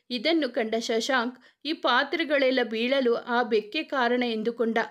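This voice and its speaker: A woman storyteller reading a scripted horror story in a steady, dramatic way. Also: a little high.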